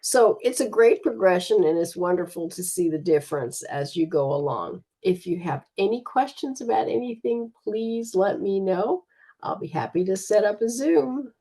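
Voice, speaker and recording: A woman giving a relaxed, chatty slide presentation from a computer, with frequent fillers. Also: mid-range voice, normal speed. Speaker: student presenter.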